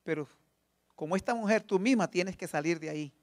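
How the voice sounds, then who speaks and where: A man's voice: high voice, brisk. A man preaching a church sermon with emphasis, leaning on rhetorical questions and addressing the congregation directly. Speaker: pastor.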